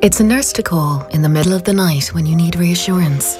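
A woman's voice: on the low side, a little fast. A woman narrating a scripted radio advert as a voice-over. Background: music.

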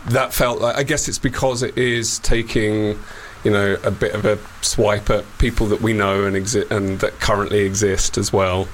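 A man's voice: fairly low pitch, level tone, normal speed, hardly any pauses, a little hiss or hum, low-quality recording. A man hosting a casual interview in a radio studio. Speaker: radio show host.

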